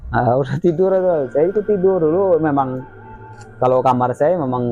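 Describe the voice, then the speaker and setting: A man's voice: a little high, normal speed, faint music behind. A man as a guest, telling a spooky story from his own life in casual chat and acting out the voices of the people in it. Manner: lively retelling, acts out quoted voices. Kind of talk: casual spoken ghost story. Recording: dull lo-fi with faint noise.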